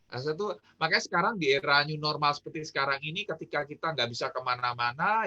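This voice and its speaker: A man's voice: a little high, pushed and bright, muffled recording. A man from Indonesia giving a casual online talk on communication, peppered with fillers and questions to his audience. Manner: chatty, peppered with "ya" and "gitu kan". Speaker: business trainer.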